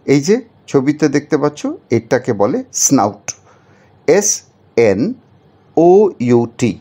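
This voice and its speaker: A man's voice: medium pitch, lively intonation, slow pace, warm tone. A man teaching a children's spelling lesson, patiently spelling words out letter by letter and asking the viewers questions.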